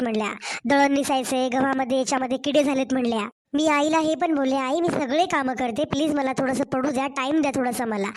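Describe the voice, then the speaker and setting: A hoarse young wife, voiced by a woman for a cartoon story, pouring out complaints in a Marathwada Marathi accent. Her voice is high and steady. She pleads and protests. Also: close to an everyday voice. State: hoarse from a cold. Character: young wife and mother, aggrieved daughter-in-law.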